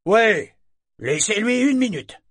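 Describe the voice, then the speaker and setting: A man's voice: mid-range voice, animated, a little slow, a bit bright, husky, dry recording, clean studio sound, exaggerated voice. A man voicing a brutish, bullying sailor who talks coarsely and menacingly. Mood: taunting.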